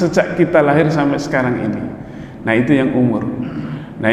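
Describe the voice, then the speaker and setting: Preacher echoing through a mosque hall. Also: male voice, on the high side, slight background noise. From Indonesia. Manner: chants the Arabic opening, then lectures in a calm explaining tone. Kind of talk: dawn mosque sermon. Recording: echoey mosque hall, distant and dull mic.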